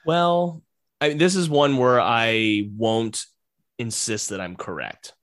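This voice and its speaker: A man's voice: mid-range voice, slow, fairly bright tone. A man co-hosting a podcast, talking casually and agreeably, with the odd laugh. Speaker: podcast co-host.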